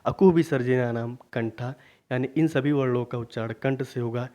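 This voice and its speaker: A man teaching a grammar lesson for exam preparation, asking questions and then answering them himself, repeating key points slowly. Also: medium pitch, dark tone. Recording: dull lo-fi recording.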